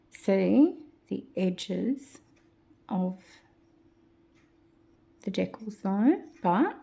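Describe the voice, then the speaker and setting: Soft-spoken woman murmuring through a craft project. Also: medium pitch, creaky. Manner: chatty, talks to herself while working, drops into soft whispers. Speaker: crafting tutorial host. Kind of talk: casual craft tutorial narration.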